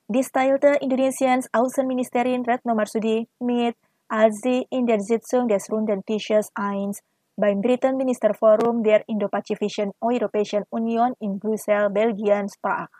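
A woman reading a scripted news report in an even, formal manner. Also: on the high side, dry recording. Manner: even, formal read delivery. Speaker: news reader.

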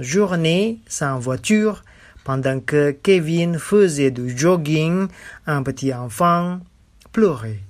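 A woman presenting a scripted radio language lesson, speaking slowly and repeating each phrase twice. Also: sits low.

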